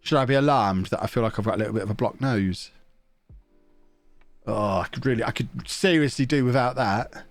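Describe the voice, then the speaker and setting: A medium-pitched man speaks a little fast with no room sound and soft background music. Live streaming a football management game, he chats and jokes, reads chat messages out loud and hums, his nose slightly blocked.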